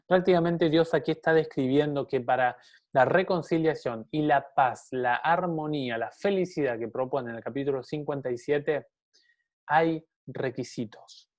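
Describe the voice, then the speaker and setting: A man's voice: a little high, normal speed, a little mellow. A man giving a Bible teaching sermon in an earnest tone, speaking straight to the listener and posing rhetorical questions.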